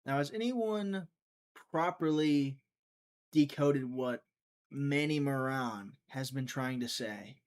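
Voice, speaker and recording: A man runs a live prediction stream at an unhurried pace, his voice sitting in the mid-range. He chats casually, thinks out loud, talks to his viewers, and now and then trails off into a mutter.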